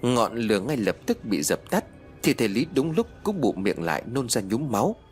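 A man narrating a ghost story audiobook in a dramatic, expressive storytelling manner. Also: medium pitch, moderate pace, faint music behind.

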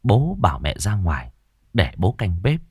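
A male storyteller narrates a ghost story with a very low voice. His pitch swings widely as he builds tension. The sound is dry and close. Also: wildly swooping pitch, a little mellow, husky, no room sound. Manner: slow, dramatic storytelling.

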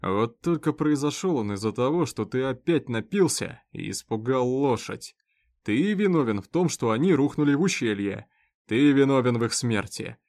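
A man's voice: mid-range voice, sing-song, normal speed, a little mellow. A man doing a sly, taunting prisoner. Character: mocking, predatory male prisoner.

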